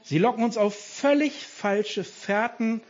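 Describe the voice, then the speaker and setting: A man preaching an animated, emphatic sermon as pastor, speaking directly to his congregation. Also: high voice, slow pace, highs cut off.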